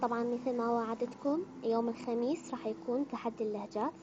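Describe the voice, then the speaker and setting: A cheerful Iraqi woman with a high, light voice talks straight to her viewers in a chatty vlog. The sound is a bit dull and lo-fi, with faint room ambience behind her. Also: steady tone, fast talker, noisy background. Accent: Iraqi Arabic. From Iraq. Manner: cheerful, chatty, addresses fans directly. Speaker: vlogger. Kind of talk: casual dialect-challenge vlog.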